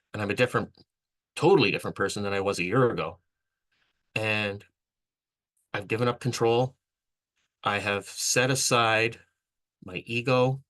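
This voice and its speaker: A man's voice: medium pitch, fairly bright tone, poor audio. A man hosting a vlog, delivering an earnest, rambling motivational monologue with frequent restarts. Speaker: vlog host.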